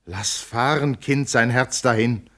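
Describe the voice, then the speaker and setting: A man voicing a pious, worried old mother in a dramatic poetry recitation, speaking in soft, hushed pleas. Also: medium pitch, slow, pitched above the performer's own voice. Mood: pleading.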